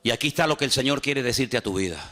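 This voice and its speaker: A man in his sixties from Venezuela preaching a sermon at a church retreat, lively and humorous, acting out the people he quotes. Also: mid-range voice, rapid-fire. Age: 60s. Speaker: pastor. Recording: hall with long reverb.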